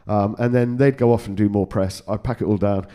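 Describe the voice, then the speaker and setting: A man's voice: lowish voice, steady tone, fairly quick, mellow. A man in his forties, a guitar tech telling road stories in casual chat, swearing freely and laughing often. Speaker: podcast guest, guitar tech.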